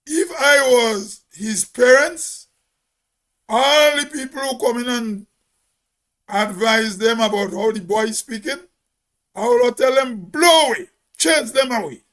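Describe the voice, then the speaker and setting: A man's voice: very high-pitched, a bit bright. A Grenadian man giving a spoken commentary in an emphatic, preachy way, as if on radio.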